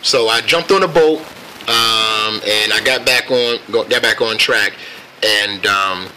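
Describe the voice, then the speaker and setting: An American man casually telling a personal story on camera in a reflective, laid-back and halting way. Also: on the low side, pushed and bright, slight background noise, poor audio. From United States. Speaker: vlogger.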